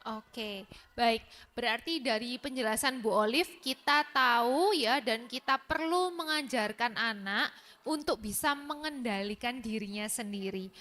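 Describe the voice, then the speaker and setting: Woman moderator, high pitch, bright tone, sums up then asks questions. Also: unhurried. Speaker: talk show moderator. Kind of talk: moderating a panel talk.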